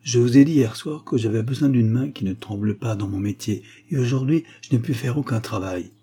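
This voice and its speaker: A man's voice: medium pitch, fairly quick, mellow, slightly rough. A man voicing a nervous, frightened man who protests desperately, in a read-aloud story. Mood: defiant.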